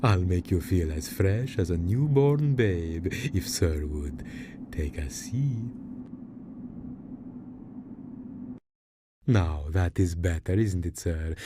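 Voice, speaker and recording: A man's voice: sits low, warm tone, full character voice. A man playing a frail, nervous old barber in a Western video game, obsequious and hesitant with muttered hums. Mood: servile, apologetic. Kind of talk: video game character acting.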